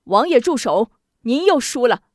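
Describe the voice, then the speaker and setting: A woman's voice: a little high, sing-song, moderate pace, dry recording, studio quality, voice pushed up. A woman storyteller voicing a clever, humble young male fighter who speaks earnestly and deferentially. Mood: earnest, urgent.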